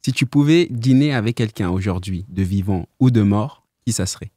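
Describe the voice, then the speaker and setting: Guy hosting a podcast, lowish voice, casual questions, really dry room sound. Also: lively intonation, normal speed, mellow, no echo. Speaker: podcast interviewer.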